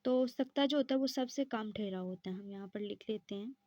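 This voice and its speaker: A woman's voice: medium pitch, fairly quick, dark tone, no echo. Woman teaching a lesson, dull sound. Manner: explains step by step, asks and answers her own questions. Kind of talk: exam-prep lesson.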